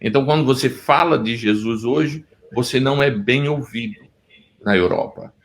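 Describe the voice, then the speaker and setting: A man's voice: medium pitch, normal speed, rough recording. A middle-aged Brazilian man with a Pernambuco accent, a pastor telling his story earnestly in an interview, often restarting his sentences. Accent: Pernambuco Brazilian Portuguese. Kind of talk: testimony interview.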